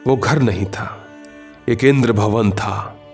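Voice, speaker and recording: Guy reading a short story aloud, lowish voice, calm literary pace, soft music under it. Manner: measured, literary first-person reading with quiet emotional shifts.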